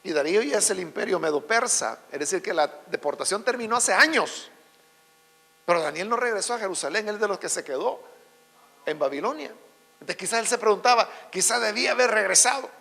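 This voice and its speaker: High-voiced preaching pastor in a hall. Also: male voice, expressive, vocal fry. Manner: preaching with rising shouts and slow stressed words. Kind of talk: sermon. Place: church. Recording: long hall reverb with mains hum.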